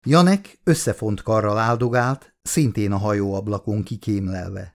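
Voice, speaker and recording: A man reading his own audiobook from Hungary in a steady narrating voice, acting out the dialogue with lively lifts. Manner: acts out crew dialogue with raised pitch and excitement.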